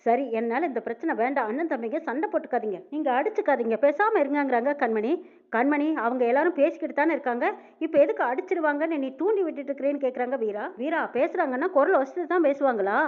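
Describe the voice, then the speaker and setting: Fast high-voiced woman recapping a serial. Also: lively intonation. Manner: narrates quickly, reads out each character's lines with tags like "she says". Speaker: narrator retelling a TV serial episode. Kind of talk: fast storytelling recap voicing all characters. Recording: tinny phone-like sound.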